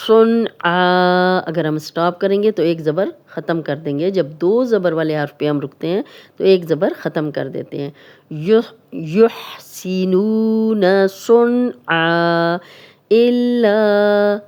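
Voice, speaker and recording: Warm, low-voiced woman teaching recitation. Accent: Pakistani Urdu. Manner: patient step-by-step explaining, slow drawn-out recited words. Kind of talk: Urdu tajweed lesson, explaining and demonstrating recitation.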